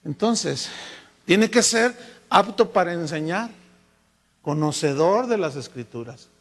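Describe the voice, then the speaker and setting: A Mexican pastor with a notably high voice for a man delivers a spirited sermon, tossing rhetorical questions at his listeners. His words ring out with a long, trailing reverb from a large hall. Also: slow pace. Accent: Mexican Spanish. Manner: lively preaching, rhetorical questions to the congregation.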